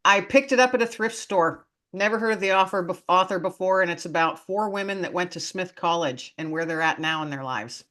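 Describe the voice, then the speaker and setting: A woman's voice: on the low side, fairly quick, few pauses, a bit bright. A woman with an American accent, chatting casually as a conversation host. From northern United States. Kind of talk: casual chat.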